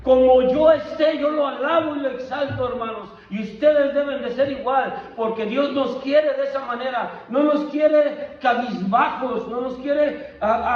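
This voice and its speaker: A man preaching a fervent sermon as pastor, repeating words and restarting phrases. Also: extremely high pitch. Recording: echoey room, dull lo-fi sound.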